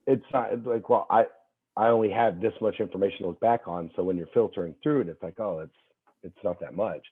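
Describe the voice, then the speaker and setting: A young man, a fitness trainer appearing as a podcast guest, telling stories in an animated way, full of fillers and restarts. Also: fairly low pitch, fairly quick, husky. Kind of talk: casual chat. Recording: tinny phone-like call audio.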